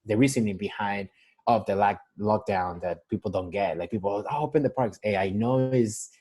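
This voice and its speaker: A man's voice: fairly low pitch, moderate pace, a little mellow, husky. A young man from Mexico with a Mexican Spanish accent, working as a nurse and talking casually on a phone call in a rambling way, full of restarts. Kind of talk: casual interview over a call. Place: San Diego.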